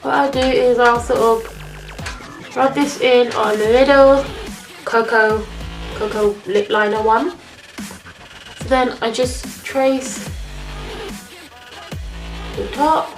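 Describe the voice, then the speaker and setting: A beauty vlogger with a slightly high, nasal voice, stuffed up from a cold, chats loosely and warmly while applying makeup in a casual tutorial. She takes it slowly with long pauses and fairly even intonation, in an echoey room with music clearly audible behind her.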